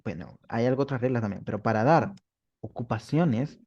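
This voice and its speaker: A man teaching a beginner English class, explaining patiently and repeating examples slowly. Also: mid-range voice, a little mellow, breathy edge. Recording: dull lo-fi sound.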